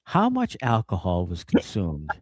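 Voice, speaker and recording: A man hosting a casual sports podcast, ranting in a profane, animated way. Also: sits low, a little slow, dry recording, clean studio sound. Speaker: podcast host.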